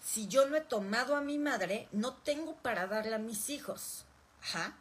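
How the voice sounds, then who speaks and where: A woman's voice: fairly high pitch, animated, normal speed, breathy edge. A woman giving an informal spoken lecture, explaining through rhetorical questions and repetition. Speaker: speaker on emotional roots of illness.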